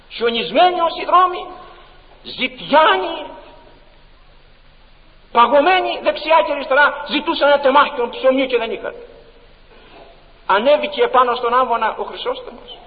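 A male preacher with a very high voice delivers an impassioned, emphatic sermon full of rhetorical questions. The recording is dull and lo-fi, with long reverb from a large church hall.

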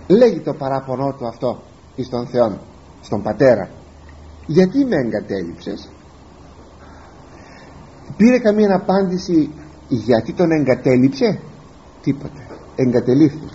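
A man's voice: mid-range voice, mellow, slightly rough, muffled recording. A man preaching a sermon, reading ancient verses aloud and explaining them plainly, often speaking in the psalmist's own first-person voice. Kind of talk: sermon, verse-by-verse scripture commentary.

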